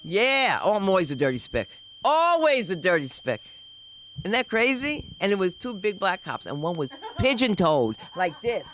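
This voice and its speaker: An older woman of Dominican heritage doing stand-up, telling a story with lots of exclamations and quick switches into other people's voices. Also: medium pitch, slight background noise, poor audio. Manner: animated, shifts voices for characters, exclamatory. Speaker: stand-up comic. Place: comedy club open mic.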